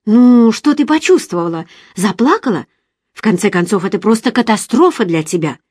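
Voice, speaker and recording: A woman reader voicing an excitable, gossipy young woman friend who talks loudly in exclamations. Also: mid-range voice, normal speed, husky, dry recording, clean studio sound. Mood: excited. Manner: loud, exclamatory, emphatic.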